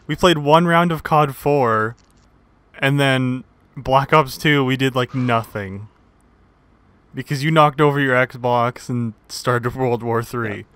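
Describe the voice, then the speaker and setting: A man's voice: mid-range voice, takes it slowly, a bit bright, clean tone. Exasperated young man in party chat. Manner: exasperated, laughs often, swears. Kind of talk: casual chat while gaming.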